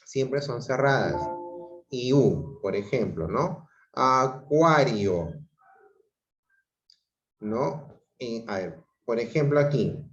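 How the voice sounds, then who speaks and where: Slow-talking man teaching over a video call. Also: mid-range voice, animated, a little mellow, faint music behind. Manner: slow, repeats himself, checks with "¿ok?". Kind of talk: online grammar class. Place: home room on a video call. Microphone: computer mic on a video call. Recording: roomy, dull lo-fi video call audio.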